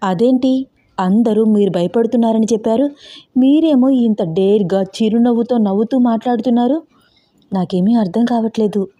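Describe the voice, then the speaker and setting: A woman acting out a nervous young bride-to-be who fusses and pleads. Her voice is soft and mellow. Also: medium pitch, normal speed, close to an everyday voice. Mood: worried. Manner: fretful, pleading.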